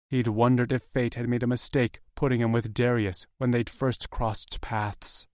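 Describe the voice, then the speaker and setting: A man reading a romance novel aloud in calm, even storytelling narration. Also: mid-range voice, no room sound, clean studio sound. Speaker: audiobook narrator.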